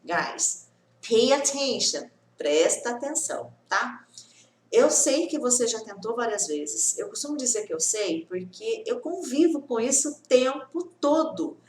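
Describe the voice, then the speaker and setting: A Brazilian woman teaches English in a relaxed online lesson, her fairly high, slightly mellow voice swinging widely in pitch and echoing in the room. She's chatty and reassuring, often tossing in "tudo bem?" and similar tag questions, and acts out students' complaints in quick bursts.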